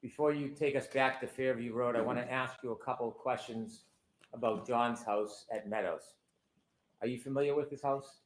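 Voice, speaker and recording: A man's voice: mid-range voice, fairly even intonation, normal speed, low-quality recording. A man, a trial lawyer, questions a witness in a formal courtroom style. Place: indoor courtroom.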